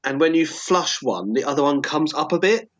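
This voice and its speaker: Give me a man with a slightly high voice telling stories in loose podcast banter. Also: lively intonation, normal speed. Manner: storytelling, laughing mid-sentence, swearing. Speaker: podcast co-host. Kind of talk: casual banter.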